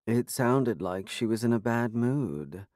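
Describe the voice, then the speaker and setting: A man doing a soft-spoken young woman. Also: mid-range voice, lively intonation, no echo, clean studio sound. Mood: calm. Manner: soft, slow, matter-of-fact. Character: earnest, gentle young woman tutor.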